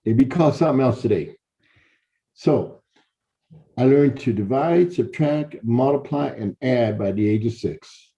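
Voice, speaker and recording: A warm, expressive man's voice of medium pitch moves at a measured pace as this middle-aged university professor from Chicago, Illinois, tells students about his life. The talk is a conversational storytelling lecture with direct address, repeated words, and restarts. The recording quality is dull and lo-fi.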